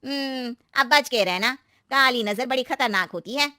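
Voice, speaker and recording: A superstitious middle-aged aunty from a cartoon story, voiced by a woman, always quietly warning others. The voice sits high and bright, and it is recorded close and dry. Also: measured pace, no room sound. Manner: warning, knowing tone.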